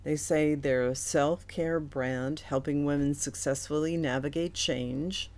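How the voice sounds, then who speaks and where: A woman's voice: a bass voice, darkish tone. A woman presenting a product review to viewers in a plain, explanatory way, with a slight cotton-mouthed lisp. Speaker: YouTube beauty and hair product reviewer. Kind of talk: sponsored product review to camera.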